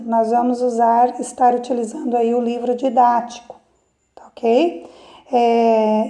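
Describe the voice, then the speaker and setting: Slow, gravelly-voiced schoolteacher woman. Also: a little high, warm tone. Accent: Brazilian Portuguese. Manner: slow explaining with frequent "né?" and "tá?" checks. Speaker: teacher. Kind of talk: remote class lesson for children.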